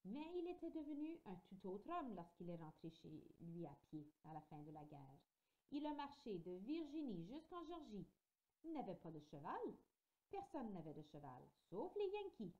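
A woman reads a children's novel aloud with a very dark, mellow voice that swings widely in pitch as she tells the story. She reads in an expressive way. The home recording sounds dull and lo-fi. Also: normal speed. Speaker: audiobook reader.

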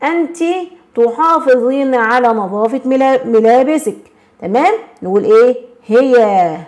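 Egyptian woman teacher, bright higher register, walks students through grammar with constant check-ins. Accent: Egyptian Arabic. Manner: checks in constantly and prompts with questions; slows and stresses words when reading examples. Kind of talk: explaining a grammar lesson.

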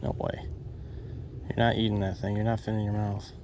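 A young fishing vlogger with a fairly low voice talks a bit quickly as he fishes from a pond bank, excitedly chatting to both the fish and his viewers. His head-mounted action camera picks up his voice along with outdoor nature noise.

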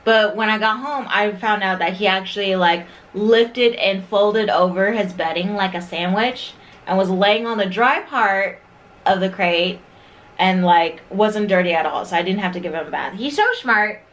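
Talking to camera about her new puppy, a young vlogger keeps things chatty and occasionally switches to a sing-song baby voice for her dog. She speaks at normal speed with a medium pitch and a fairly bright tone.

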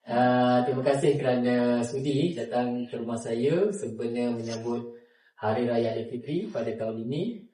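Middle-aged Malaysian man being interviewed at home, chatty and halting, miked from afar in a reverberant room. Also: medium pitch, warm tone. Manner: hesitant, many fillers, laughs while telling stories. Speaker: district scout commissioner and religious teacher. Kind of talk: casual interview storytelling. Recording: echoey room, recorded from a distance.

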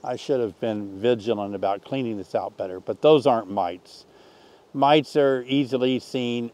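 Older male beekeeping teacher, folksy, thinks aloud, mid-pitched, outdoor demo with bees buzzing. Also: normal speed. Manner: relaxed, folksy, thinks aloud while working. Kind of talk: hands-on outdoor demonstration. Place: outdoors in an orchard beside beehives.

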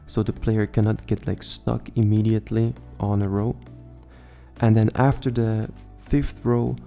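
A man narrating a screen-recorded coding tutorial, calmly and methodically walking through code step by step. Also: lowish voice. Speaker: game development tutor.

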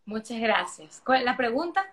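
A woman guest talking loudly and energetically on a live video chat, projecting her voice the way she does when teaching. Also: a little high, very animated, normal speed. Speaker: sexologist guest. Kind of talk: casual live-stream chat.

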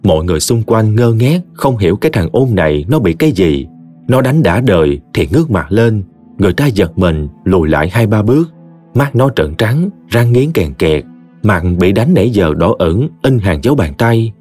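Man, Southern Vietnamese accent, audiobook narration, low husky voice, dry sound. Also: moderate pace, faint music behind. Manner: expressive, folksy. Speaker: storyteller.

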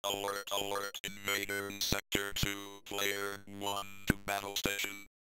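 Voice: low voice, a little slow, music in the background. A synthesized robotic voice acting as a spaceship computer, announcing alerts in clipped, evenly spaced words. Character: flat computerized spaceship warning voice. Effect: robotic speech-chip voice, stiff and monotone. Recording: old arcade audio with steady hum.

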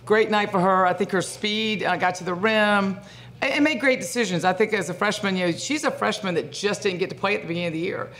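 A woman's voice: mid-range voice, fast talker, a bit bright. A middle-aged woman head coach answering postgame questions at a desk microphone, thoughtful and full of fillers and restarts. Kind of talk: postgame press conference answers. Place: press conference room.

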